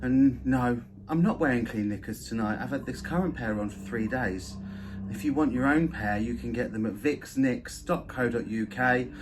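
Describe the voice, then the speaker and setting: A man's voice: mid-range voice, moderate pace, background noise. A man with a campy drag queen manner, doing bawdy comic patter as a granny-styled judge on a show.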